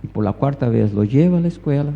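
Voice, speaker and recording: A man's voice: medium pitch, animated, fast talker, vocal fry, mellow. A man preaching a sermon in a church hall, telling a story and repeating phrases for emphasis, recorded with a reverberant, dull lo-fi sound.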